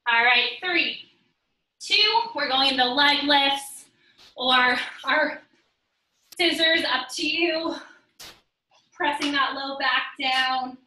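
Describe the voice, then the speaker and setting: A young adult woman leading a guided workout class, giving steady counting cues while she exercises. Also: high voice, slow, pauses often, a little hiss or hum. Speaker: fitness instructor. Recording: roomy sound, distant from the mic.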